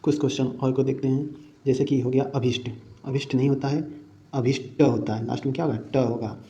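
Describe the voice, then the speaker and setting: A man teaches spelling for exam prep, saying each word over and throwing quick questions back at his students. His voice is very dark and mellow and sits at a middling pitch for a man. The recording sounds dull and lo-fi. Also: steady tone, a little hiss or hum. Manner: repeats words and asks the class rhetorical questions.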